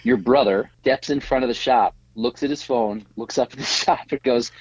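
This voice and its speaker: Middle aged guy w a husky voice telling a story all animated, kinda dull lo-fi sound. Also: medium pitch, moderate pace, no room sound. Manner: animated storyteller, laughs often, acts out quotes. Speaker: guest, tattoo artist. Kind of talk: casual interview storytelling.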